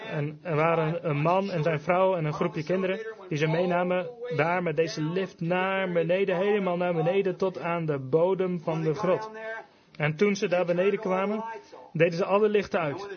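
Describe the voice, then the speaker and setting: A man preaching a fervent revival sermon, emphatic, switching between quick bursts and slow, drawn-out phrases. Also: high-pitched, steady tone, a crowd in the background. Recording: dull lo-fi recording with congregation audible.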